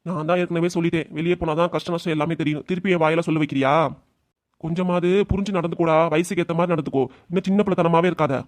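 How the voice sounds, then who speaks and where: Brief: cartoon patriarch, stubborn and commanding, rapid scolding, voiced by a man. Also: on the high side, fairly even intonation, lightly acted. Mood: stern. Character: stern elderly father-in-law, stubborn head of the house. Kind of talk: amateur cartoon voice acting.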